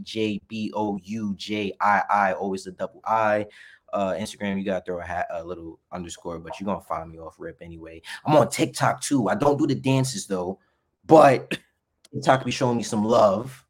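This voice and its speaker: A twenty-something wrestler from the Bronx, New York, chats as a guest in hyped, slangy street talk with a New York accent, calling everyone bro. His lowish voice keeps a steady tone at a moderate pace.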